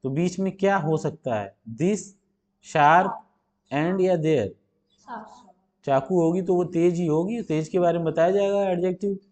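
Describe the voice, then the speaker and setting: A male teacher going through multiple-choice questions, reading the English slowly and explaining it in Hindi with rhetorical questions. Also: high-pitched, darkish tone. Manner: asks rhetorical questions and answers them. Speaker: ITI teacher.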